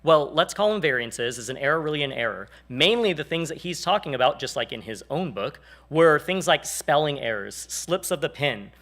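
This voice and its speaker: A man in his forties leads a church class, speaking in a relaxed, joking way. His voice sits a bit high for a man. He slips into little acted voices when he quotes people. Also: normal speed, hardly any pauses. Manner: animated, jokey, acts out quoted people. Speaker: church teacher. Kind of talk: casual teaching talk.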